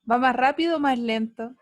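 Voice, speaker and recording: A woman's voice: high voice, no echo, clean studio sound. A woman teacher giving an online physics class, playful and teasing, asking students many questions. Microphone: computer mic on a video call.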